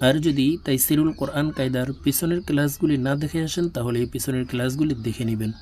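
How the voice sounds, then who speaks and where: A man teaching Quran letter reading in a recorded lesson, spelling syllables out slowly and repeating them for practice. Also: medium pitch, steady tone, slight background noise. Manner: drawn-out slow spelling drills, louder on recited syllables.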